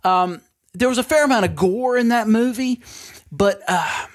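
A man's voice: sits high, moderate pace. A middle-aged man hosting a casual podcast chat from a bedroom at home, rambling and drifting into tangents. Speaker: podcast host and father.

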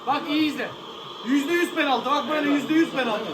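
High-pitched, emphatic man, football fan. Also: fairly quick. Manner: emphatic, insistently repeats phrases. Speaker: football fan, reaction channel host. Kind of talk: excited live match reaction, casual banter. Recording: roomy, distant mic, noisy background. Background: televised football match audio.

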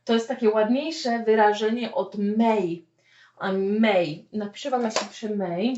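A woman teaching a spoken English lesson, explaining with lively "okay?" check-ins. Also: medium pitch, a little slow, slight background noise. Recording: echoey room, mic at a distance, dull lo-fi sound.

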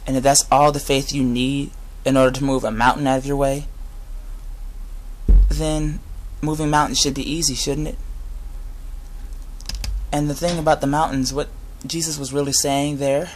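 A young adult man giving an informal sermon with Bible readings, speaking earnestly and a little haltingly. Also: medium pitch, a little hiss or hum. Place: inside a garage. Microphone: device camera at close range.

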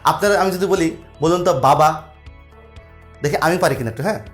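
A man's voice: fairly high pitch, moderate pace, soft background music. A young man with a Bangladeshi Bengali accent, teaching an exam-prep lesson in a casual way. He explains step by step and keeps asking rhetorical questions.

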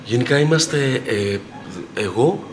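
Medium in pitch and animated, this man's voice carries over a noisy background. He's a TV station video editor filming his workday on a handheld camera, walking to the control room and chatting casually with joking, playful asides.

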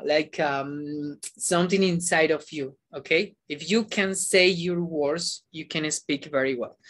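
Teacher, online class, encouraging, middle pitch, switches between Spanish and English, repeats words. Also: a bit bright. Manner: coaxing, encouraging. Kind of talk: online class talk to students.

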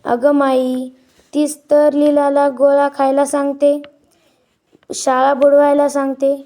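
A woman's voice: high-pitched, monotone, slow pace, mellow. A woman reading the part of a teasing older schoolgirl sister in a storybook lesson.

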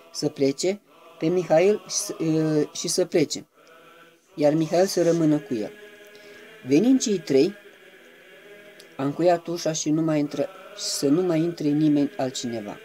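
A man giving a reverent, measured devotional reading that slips into chanted intoning at times. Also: fairly high pitch, warm tone, faint music behind. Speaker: reader of a saint's life.

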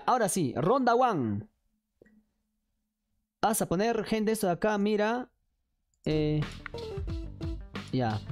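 A woman's voice: medium pitch, darkish tone. A woman, streaming and chattily coaxing her viewers to join a chat game. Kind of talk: casual livestream chat hosting a chat game.

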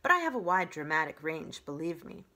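A woman voicing a theatrical, excitable, boastful female opossum from a children's storybook, with a dramatic, gushing delivery. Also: low voice, brisk, heavily acted.

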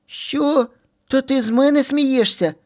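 A man's voice: very high voice, takes it slowly, pitched above the performer's own voice. A man voicing two squabbling little boy bunny brothers in a storybook reading, whiny and bickering.

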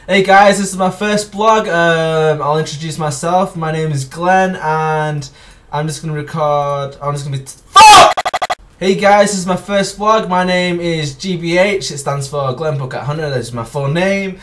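Guy vlogger, slightly high voice, keeps restarting and cursing, recorded from a distance. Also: normal speed, very noisy. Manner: stumbling, restarts often, swears. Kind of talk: casual vlog intro. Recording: distant from the mic.

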